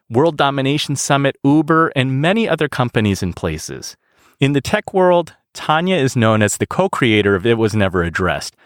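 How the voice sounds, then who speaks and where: A man's voice: medium pitch, dry recording, studio quality. A man hosting a podcast, reading an upbeat scripted introduction and then interviewing his guest outdoors in a park. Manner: upbeat, announcer-like delivery. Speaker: podcast host.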